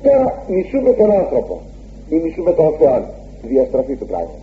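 A man preaching a sermon, retelling a scripture story with lively, swooping emphasis and repeated exclamations. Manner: animated, swooping pitch on emphasis. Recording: tinny phone-like recording with faint hum.

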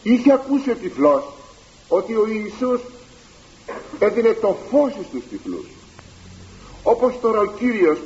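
A man's voice: high voice, a little mellow. A man preaching a sermon in formal, old-fashioned church diction, dramatic and full of rhetorical questions. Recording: dull lo-fi recording.

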